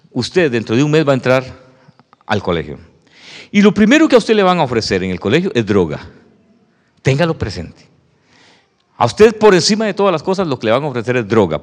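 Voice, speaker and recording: A man preaches, telling his story with lively, swooping intonation and acting out the dialogue. His voice sits a bit high and rings with a long hall reverb. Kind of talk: sermon testimony.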